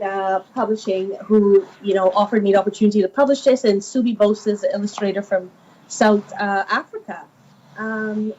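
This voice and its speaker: A woman from Guyana in her thirties talks animatedly about her children's books, with plenty of ums and restarts. Her voice sits fairly high. The recording is muffled and lo-fi, with a faint hiss behind her. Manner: animated storyteller, many fillers. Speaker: children's author. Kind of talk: conversational interview.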